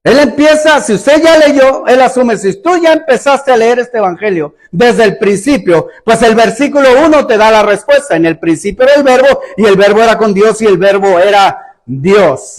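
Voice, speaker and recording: A male pastor preaching a sermon in an emphatic style, acting out sarcastic rhetorical questions. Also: very high voice.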